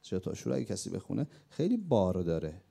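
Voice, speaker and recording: Middle-aged male preacher, gravelly and mellow, animated sermon that rises to emphatic questions. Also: low-pitched. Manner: animated, rising to emphatic outbursts and questions to the audience. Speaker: preacher and war veteran. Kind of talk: religious sermon with war memories.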